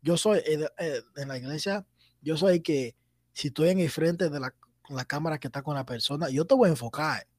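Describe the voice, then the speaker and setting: A man's voice: fairly high pitch, a little fast, no echo, clean studio sound. A man who takes church photos, chatting casually on a podcast and laughing often.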